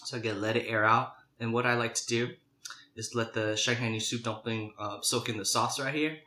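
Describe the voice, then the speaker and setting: Bright-voiced man chatting while eating, echoey room. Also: mid-range voice, steady tone, brisk. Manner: chewing and eating while talking. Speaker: mukbang host. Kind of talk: casual chat while eating. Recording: roomy, echoey indoor sound.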